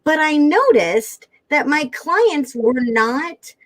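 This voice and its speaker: A woman's voice: high-pitched, big pitch swings, slow pace, poor audio. A woman sales coach speaking as a guest in an interview, emphatic and stacking words for effect. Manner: emphatic, builds lists of words. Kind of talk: animated interview talk.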